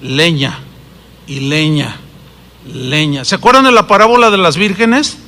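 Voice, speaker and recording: A man preaching a sermon as a pastor, with a Mexican Spanish accent, animated and swinging between loud and hushed delivery. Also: fairly high pitch, unhurried, big-room sound.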